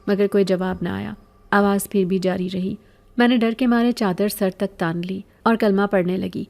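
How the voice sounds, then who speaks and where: Mellow woman telling a horror story. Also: medium pitch, gravelly. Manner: even, measured storytelling. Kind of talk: scripted first-person horror narration.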